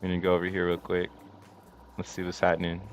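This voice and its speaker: A man hosting a casual crypto livestream in slangy, hyped-up crypto bro talk, chatting to his viewers with drawn-out emphasis. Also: sits low, monotone, soft background music. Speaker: livestream host. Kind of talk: casual crypto commentary to a live chat. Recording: dull lo-fi mic with faint background noise.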